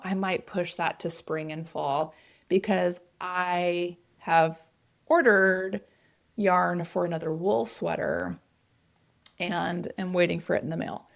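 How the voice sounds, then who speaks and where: Creaky-voiced woman with an Oklahoma accent. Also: on the low side. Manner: chatty, enthusiastic. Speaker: knitting podcast host. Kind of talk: casual vlog chat.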